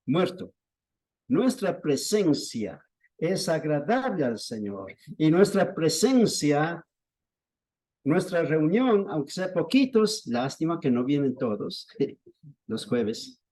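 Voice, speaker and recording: Man, preacher, sermon, rising and falling pitch, higher voice. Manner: slow, deliberate storytelling with lively pitch swings. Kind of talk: sermon to a small congregation.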